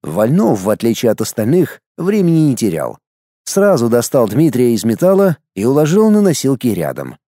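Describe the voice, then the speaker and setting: A man with a mid-range voice narrates a novel as an audiobook reader, telling the story in an expressive, measured way. The studio-quality recording has no room sound.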